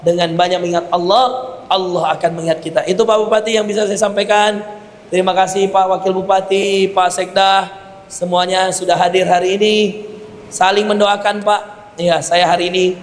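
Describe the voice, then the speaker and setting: A man preaching a lively sermon with humorous asides, often addressing listeners directly and reciting Arabic verses. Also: high-pitched. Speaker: Islamic preacher. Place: large mosque hall. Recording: long hall reverb.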